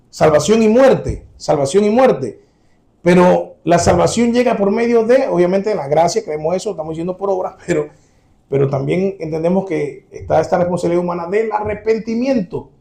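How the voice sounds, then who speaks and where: A man's voice: high-pitched, creaky, mellow. A man preaching a sermon to his congregation, earnest and direct, repeating his key points.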